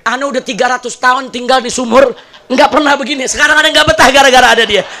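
A man's voice: extremely high pitch, steady tone, fast, sharp tone, slight background noise, voice pushed up, exaggerated voice. A man voicing an ancient, long-bearded male jinn from a well, complaining in exasperation in a comic story. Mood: exasperated. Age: older.

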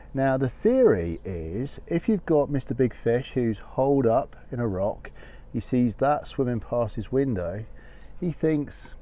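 A man's voice: mid-range voice, warm tone. A man in his fifties, sitting outdoors and chatting to camera with a lapel mic as he explains his fishing rig in a casual, practical way. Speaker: fishing vlogger. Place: outdoor wooden deck by the sea. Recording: slightly dull lo-fi audio.

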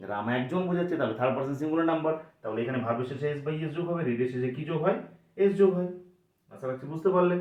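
Man teaching grammar in an echoey room. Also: on the high side. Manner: patient, asks and answers his own questions. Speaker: English teacher. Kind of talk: classroom grammar lesson. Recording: echoey room, voice from a distance, dull sound.

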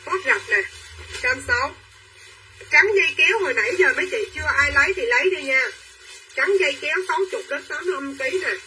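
A young woman selling clothes on a livestream, talking quickly and pushing viewers to claim items. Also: sits high, expressive, pushed and bright, recorded from a distance, slight background noise, poor audio. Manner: quick and pushy, urging buyers to claim items. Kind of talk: live-selling chatter to viewers.

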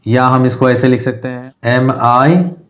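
A man from India teaching an English lesson, slowly spelling out words letter by letter. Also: medium pitch, steady tone. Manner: slow, deliberate spelling out of letters. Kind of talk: classroom lesson explanation.

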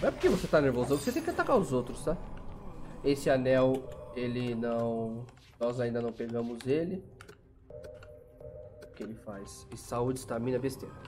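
A young man with a Brazilian Portuguese accent doing chatty let's play commentary, talking to viewers and breaking into sudden excited shouts. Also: mid-range voice, moderate pace, over music. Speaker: gameplay channel host.

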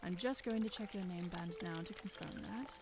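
An actress playing a curt, contemptuous hospital nurse in a video game, speaking in a condescending way. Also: female voice, lowish voice, normal speed, creaky. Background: game music.

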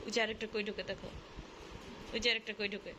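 A woman's voice: mid-range voice, level tone, fairly quick, noisy background. A woman, talking at home in a playful, coaxing, teasing way to her small children while filming them. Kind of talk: casual home video chat.

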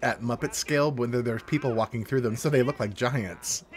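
Guy doing a casual movie reaction, chatty and excited, regular voice. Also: medium pitch, brisk. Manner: enthusiastic, chatty. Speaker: host.

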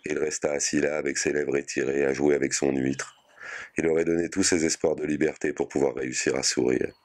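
Brief: male narrator, extremely low voice, measured audiobook reading. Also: flat delivery. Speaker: reader. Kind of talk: audiobook reading of a short story.

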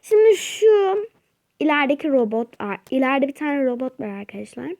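A woman hosting her own gaming channel, giving chatty, excitable let's-play commentary and crying out during the game. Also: high-pitched, fairly quick.

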